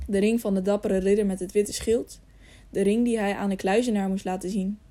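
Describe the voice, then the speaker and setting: A woman narrating a children's storybook in a calm, measured way. Her voice is mellow and warm, sitting at an ordinary middle pitch. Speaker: audiobook narrator.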